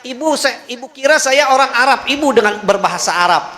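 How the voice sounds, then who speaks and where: A man's voice: extremely high pitch, expressive, fast, bright, forceful tone, heavily acted. A man voicing an earnest young male religious student who is astonished, quoted in a sermon story. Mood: amazed. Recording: echoey hall.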